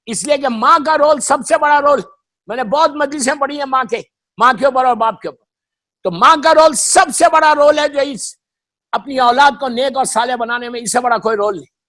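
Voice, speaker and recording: A man preaching a fervent sermon, repeating his points, slipping into English phrases and often rising to shouts. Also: very high voice. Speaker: Shia cleric giving a memorial majlis. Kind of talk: impassioned sermon.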